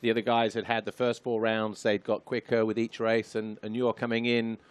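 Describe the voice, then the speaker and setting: A man's voice: on the low side, completely flat delivery, normal speed, smooth, no room sound. A man presenting a studio interview show, asking long, winding questions in a chatty way.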